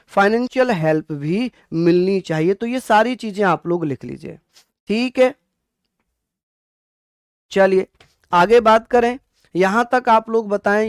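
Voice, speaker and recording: A man's voice: high voice, clean tone, no echo, clean studio sound. A male teacher giving an online exam-prep lecture, repeating key points and asking questions he then answers himself. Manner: repetitive, addresses students as bhaiya.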